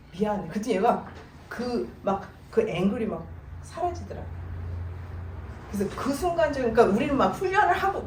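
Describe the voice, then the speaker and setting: Casting note: middle-aged woman speaker, lively pitch, church seminar, heard from afar in a roomy hall with faint hiss. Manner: animated storytelling, mixes English words into Korean. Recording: echoey room, voice from far off, faint noise.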